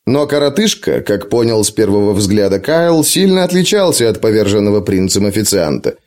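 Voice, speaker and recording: A man reading an adventure audiobook in a dramatic, expressive narration. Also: lowish voice, a little fast. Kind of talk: scripted narration.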